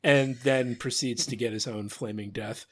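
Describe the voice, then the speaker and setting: A man's voice: medium pitch, fairly even intonation, moderate pace, husky. A man hosting a casual podcast, recapping an episode with playful asides and frequent laughter. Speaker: podcast host.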